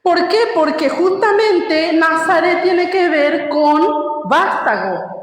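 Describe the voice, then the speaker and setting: Emphatic high-voiced woman preaching in an echoey hall. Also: animated, slow pace. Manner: emphatic, asks the congregation questions. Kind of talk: sermon.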